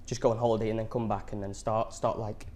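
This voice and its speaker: A young man from England, a poker player answering interview questions in a halting way full of fillers. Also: on the low side, level tone, a little mellow, a little hiss or hum. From England, near Blackpool. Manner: halting, lots of fillers and repeats. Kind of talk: casual interview.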